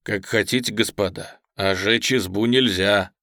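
A grave, burly merchant, as a man reads him, speaking softly and slowly with earnest feeling. The recording is close and dry, with no room around it. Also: mid-range voice, dry recording. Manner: quiet, slow, heartfelt.

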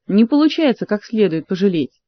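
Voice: medium pitch, very animated, brisk, dry recording, natural voice. A reader voicing a cool, pragmatic queen in an audiobook, explaining things in a level way. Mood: earnest. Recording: dry, slightly dull audiobook recording.

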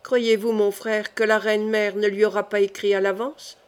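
A woman voicing a young, earnest and devoted king who speaks haltingly in an audiobook reading. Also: medium pitch, flat delivery, smooth, lightly acted.

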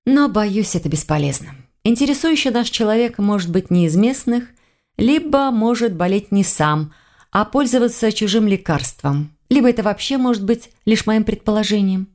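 A woman's voice: mid-range voice, lively intonation, normal speed, a little mellow, lightly acted. A woman reading an audiobook, voicing a thoughtful young woman who reasons carefully aloud. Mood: pondering.

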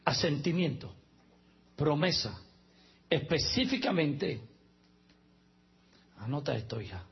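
High-voiced husky male preacher. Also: very animated, takes it slowly, lo-fi sound. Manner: humorous asides, spells out words letter by letter. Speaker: pastor. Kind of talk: sermon.

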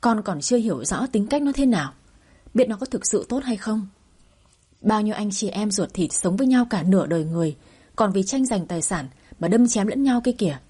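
A stubborn middle-aged mother complains and pleads with obstinate self-pity, as a woman narrator plays her. Her voice is warm, mellow and very breathy. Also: mid-range voice. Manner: wailing, obstinate.

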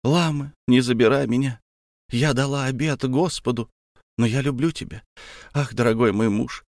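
A man reading an audiobook and voicing a tender, remorseful young wife who talks in a soft, pleading way. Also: mid-range voice, normal speed, no room sound, studio quality, close to an everyday voice.

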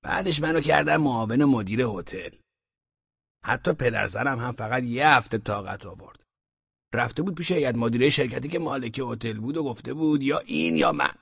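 Man reading a bragging, grumbling talker, gravelly, husky, dry slightly dull recording. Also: mid-range voice, animated, a bit bright, no echo, exaggerated voice. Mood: aggrieved boasting. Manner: aggrieved, boastful storytelling. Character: boastful talkative grown man, hotel trainee. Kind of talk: audiobook character reading.

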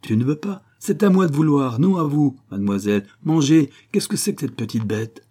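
A man's voice: fairly low pitch, lively intonation, moderate pace, a little mellow, breathy edge. A man voicing an irate, self-centered aristocratic father in an audiobook, blustering and indignant.

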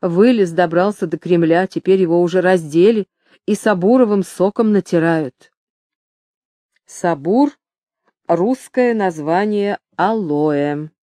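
A woman narrates an audiobook in slow, measured storytelling. Her voice is lowish and mellow. The sound is close and dry. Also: dry recording.

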